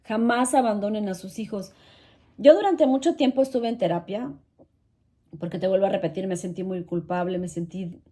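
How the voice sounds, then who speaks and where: A woman's voice: mid-range voice, normal speed, dark tone. A middle-aged woman telling a painful personal story in an earnest, pained way, often repeating herself. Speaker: channel host sharing her story. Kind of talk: emotional personal testimony.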